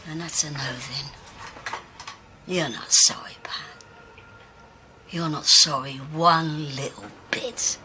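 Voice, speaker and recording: An actress playing a proud, stubborn older woman, scornful and sharp in a television soap drama. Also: deep voice, steady tone, takes it slowly, long pauses, a little hiss or hum, full character voice. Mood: wounded. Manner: sharp and scornful, turning bitter and hushed. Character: proud older female pub landlady, fiery and stubborn.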